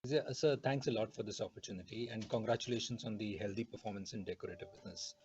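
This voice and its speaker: A man's voice: lowish voice, fast talker, a little mellow, slight background noise. A polite male analyst speaks through a weak online call link that keeps breaking up. His audio comes through dull and muffled, as if from a video call with a poor signal. He addresses people deferentially as he asks his questions. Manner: polite and deferential, often saying sir. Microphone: computer or phone on a video call.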